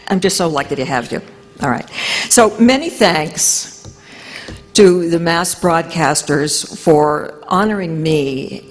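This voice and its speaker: A middle-aged woman speaks from a podium in a low voice, delivering an acceptance speech full of dry, self-deprecating asides. Her words ring out with long reverb through a large hall. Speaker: hall of fame inductee giving acceptance speech.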